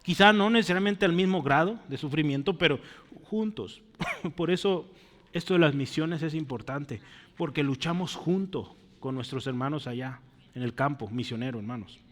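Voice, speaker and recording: A man's voice: on the high side, moderate pace, fairly bright tone. A man preaching a sermon to his congregation, earnest and often asking them questions. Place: church. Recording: long reverb of a church hall.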